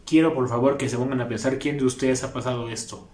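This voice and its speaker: A man with a Mexican Spanish accent preaching a sermon as a youth pastor, impassioned, reading scripture slowly. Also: mid-range voice, fairly even intonation, a little mellow. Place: church hall. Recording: echoey church hall.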